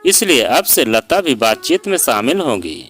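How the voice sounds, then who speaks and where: A man voicing a fair-minded middle-aged elder brother-in-law in a story reading, speaking in a measured way to settle a family quarrel. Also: medium pitch, very animated, fairly bright tone, faint music behind. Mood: calm.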